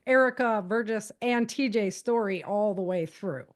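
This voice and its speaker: This podcast guest, a middle-aged American woman who writes and teaches self-defense, talks at a moderate pace in a medium pitch. She answers the interview in a conversational, informal manner, earnest and emphatic throughout.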